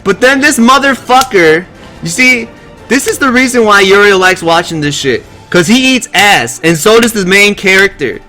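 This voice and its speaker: Man, high voice, sharp bright tone, profane, exasperated rant, casual stream talk. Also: moderate pace, soft background music. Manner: profane, exasperated, animated storytelling.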